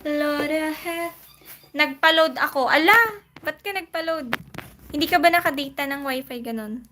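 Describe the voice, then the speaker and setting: A woman's voice: high-pitched, normal speed, pushed and bright, slight background noise. A woman casually chatting on her live stream, greeting viewers by name and answering their comments with light laughs.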